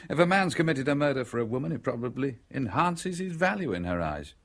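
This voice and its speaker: In a radio drama, an actor plays a cool, wry, persuasive man who speaks with deliberate irony. His husky voice sits at medium pitch and is very animated.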